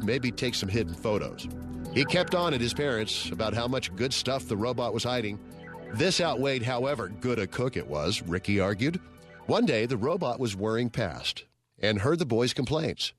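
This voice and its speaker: A man reading a children's story aloud in a steady, gentle storytelling manner. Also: medium pitch. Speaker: story reader. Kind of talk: scripted storybook narration.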